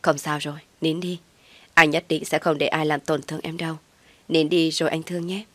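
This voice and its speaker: A woman's voice: fairly low pitch, a little fast, dry recording, close to an everyday voice. A woman voicing a stern, protective older brother who speaks threateningly, in a storybook reading. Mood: tender.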